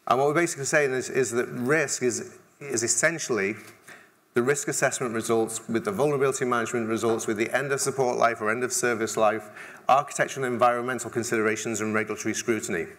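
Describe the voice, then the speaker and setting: On a large conference stage, a middle-aged man with an English accent talks fast in a steady, medium-pitched and fairly bright voice. His keynote is conversational, marked by dry humor and frequent restarts.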